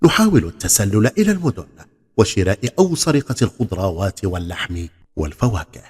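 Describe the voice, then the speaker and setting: A man's voice: lowish voice, sing-song, fairly quick, a little mellow, husky. Man playing an earnest brave lad, reverberant. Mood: bold, challenging. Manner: earnest, emphatic, formal. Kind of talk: storybook character acting. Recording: long hall reverb on the voice.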